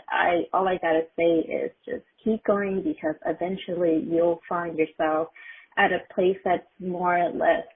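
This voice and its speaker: A woman speaks through a tinny, narrow phone line as a voicemail message. She sounds nervous and giggly, with frequent ums and little laughs, while offering warm encouragement. Her pitch sits in an ordinary middle range. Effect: voicemail message over a phone line. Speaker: voicemail caller.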